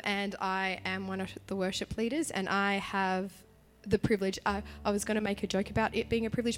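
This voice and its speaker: A woman worship leader with a medium-pitched voice, partly lost to illness, preaches a sermon with prayer in a church. She's chatty and animated in her emphasis.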